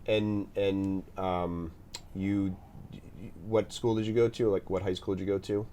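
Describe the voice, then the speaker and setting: A man hosting an interview podcast, asking questions in a halting way and often repeating his words. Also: low voice, flat delivery, warm tone, slight background noise. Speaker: podcast host, state senator.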